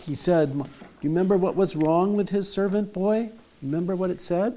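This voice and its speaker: A teacher reads a scripture passage aloud slowly and carefully, then goes over it with a child through simple questions. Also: mid-range voice, crowd noise. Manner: slow, careful reading that stretches quoted speech. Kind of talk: Bible reading and children's lesson.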